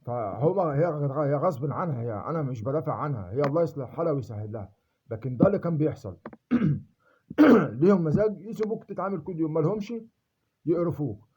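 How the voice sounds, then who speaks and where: A man's voice: a little high, animated, fast talker, darkish tone, breathy edge. A man with an Egyptian accent in a rambling personal monologue, emphatic and swearing oaths to be believed. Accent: Egyptian Arabic.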